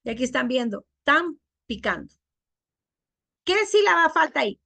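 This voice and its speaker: A woman teacher giving a classroom lecture on diction, explaining terms and acting out examples in higher voices. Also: expressive, quick pace, gravelly, bright, forceful tone, no room sound.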